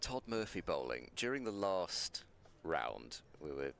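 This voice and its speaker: A man giving ball-by-ball cricket commentary from a balcony box, measured and self-deprecating, often restarting his words. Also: very deep voice, sing-song, gravelly, fairly bright tone.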